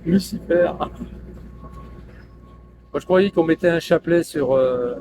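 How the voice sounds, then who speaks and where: A man's voice: a little high, takes it slowly, noisy background. A man chatting loosely to his live stream viewers on a headset, rambling and laughing often.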